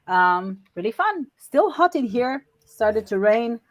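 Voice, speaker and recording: A woman from Israel joining a webinar conversation, soft-spoken and brief. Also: fairly high pitch, very animated, takes it slowly, dry recording. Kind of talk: webinar chat.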